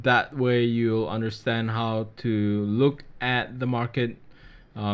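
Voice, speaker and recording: A man hosting a live trading webinar, reading out viewer questions and answering them in a casual, relaxed way. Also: mid-range voice, smooth. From Australia.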